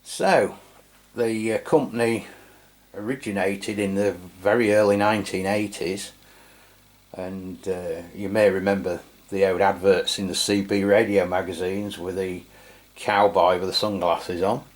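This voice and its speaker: This middle-aged Englishman hosts a radio review channel, and his deep voice stays steady and unhurried. He gives a casual product review, hesitant and rambling but matter-of-fact.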